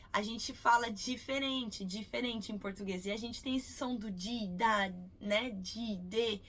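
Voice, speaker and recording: A Brazilian woman in her thirties teaching English in a casual video, patiently repeating example words slowly. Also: mid-range voice, fairly bright tone. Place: cruise ship.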